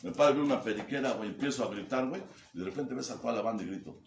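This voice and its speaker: In an echoey, noisy room, a recovery group sponsor from Mexico City races through a crude, joking testimony in a mid-range voice with vocal fry. He mocks freely, curses, and performs the voices of the people he quotes.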